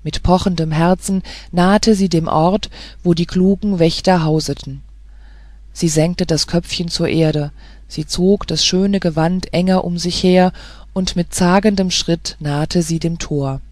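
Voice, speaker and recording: An audiobook narrator reading a fairy tale in a measured, even storytelling manner. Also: mid-range voice, dry recording.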